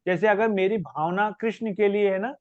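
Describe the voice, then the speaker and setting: High-pitched guy teaching a spiritual class, patient, lots of everyday examples, dry dull sound. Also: moderate pace, dry recording. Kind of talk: question-and-answer class.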